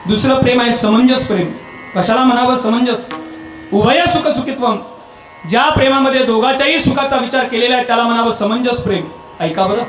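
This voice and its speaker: A man's voice: very high voice, fairly quick, fairly bright tone. A man preaching a devotional kirtan sermon at a live gathering, telling a story and quizzing his audience. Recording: echoey hall with music behind.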